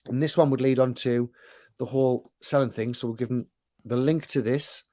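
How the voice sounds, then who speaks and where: A man's voice: medium pitch, fairly even intonation, moderate pace, mellow, no room sound. Chatty man thinking aloud. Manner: chatty, thinks aloud while typing, colloquial. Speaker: chatbot developer guest. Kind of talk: casual screen-share chat.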